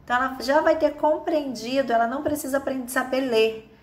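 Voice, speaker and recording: Patient woman teaching an online lesson. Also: high voice. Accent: Brazilian Portuguese. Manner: patient, explains step by step with many "né?" and "tá?"; stretches out example words slowly. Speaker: teacher of a course.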